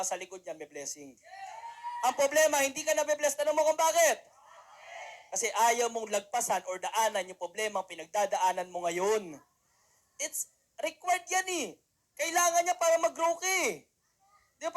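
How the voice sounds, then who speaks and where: Very high-voiced young man mentoring a crowd. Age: young adult. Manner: animated storytelling, acting out quotes; peppers lines with rhetorical "di ba?". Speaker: mentor and motivational speaker. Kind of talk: motivational talk to a live audience.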